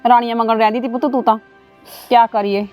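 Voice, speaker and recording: A fussing mother in a family drama who comforts and scolds her widowed daughter in turn, played by a woman. She talks fast in a fairly high voice. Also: little pitch movement, a little mellow, soft background music, lightly acted. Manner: soothing, scolding.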